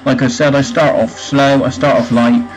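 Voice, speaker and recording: A man vlogging about his fitness routine in a relaxed, explanatory way, pausing often with ums. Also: medium pitch, faint music behind, poor audio. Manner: relaxed, hesitant with frequent ums. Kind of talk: casual explanatory chat.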